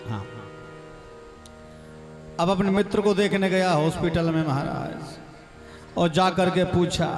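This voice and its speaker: A man with a Haryanvi accent giving a devotional sermon at a temple gathering, telling a folk anecdote and acting out the voices in it. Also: sits high. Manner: chanting then storytelling with acted quotes. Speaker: religious storyteller. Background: devotional music.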